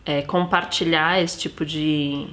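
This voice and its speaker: A woman co-hosting a live stream from home, speaking softly and hesitantly as she searches for words. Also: deep voice, steady tone, takes it slowly, slight background noise. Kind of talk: casual live-stream talk.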